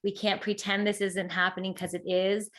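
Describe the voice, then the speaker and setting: A woman's voice: mid-range voice, flat delivery, a bit bright. A woman author being interviewed, speaking passionately in a casual way, with frequent "like" fillers. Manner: passionate, talks in quick bursts with many "like" fillers. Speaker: author and guest.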